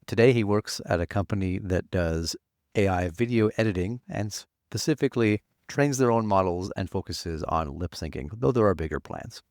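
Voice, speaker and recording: Low-voiced man hosting a podcast. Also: lively intonation, a little mellow, dry recording, studio quality. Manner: measured, announcer-like intro. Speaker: podcast host. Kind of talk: scripted podcast intro and interview backchannel.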